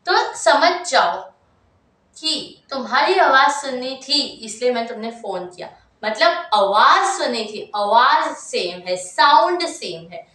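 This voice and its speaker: In a roomy recording with the mic placed well away, a young woman runs a chatty, energetic English grammar class geared toward exams, sprinkling in asides and checking in again and again. Her voice sits high.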